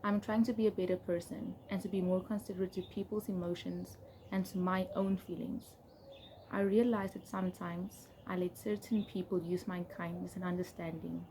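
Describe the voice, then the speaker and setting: A young adult woman with a South African accent, reading aloud and chatting casually in a candid, expressive way. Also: on the low side. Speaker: vlogger. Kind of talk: casual reading of old diary entries with asides. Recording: clear background noise.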